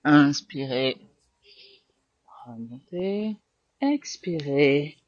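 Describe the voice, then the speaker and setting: A woman with a French accent guiding a yoga class, giving calm, slow cues with breath counts. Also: deep voice, dry recording, dull audio. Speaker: yoga teacher. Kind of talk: guided yoga class instruction.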